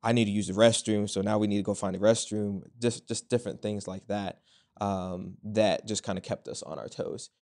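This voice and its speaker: Low-voiced young man, measured and reflective. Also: fairly even intonation, a little mellow. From Virginia. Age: 20s. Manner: measured, with frequent pauses and fillers. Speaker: student guest. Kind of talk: thoughtful interview answers. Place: bright office room with large windows.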